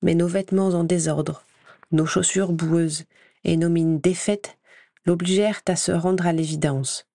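Woman reading a story aloud, low voice, measured pace, dry sound. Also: steady tone, gravelly, dark tone, dry recording. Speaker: audiobook reader. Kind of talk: first-person story narration.

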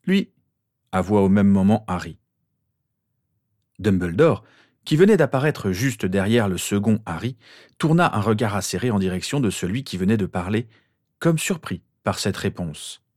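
A man reading a fan fiction story aloud in steady, even storytelling. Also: on the low side, normal speed, no room sound, clean studio sound. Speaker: reader. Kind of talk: audiobook narration of fan fiction.

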